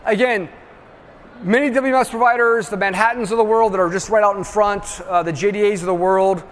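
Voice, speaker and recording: A man giving an emphatic trade-show presentation, tagging his points with quick check-ins to the audience. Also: high voice, fairly even intonation. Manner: emphatic, constantly checks in with "right?". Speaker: industry presenter. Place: large trade-show hall. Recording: reverberant hall with faint ambience.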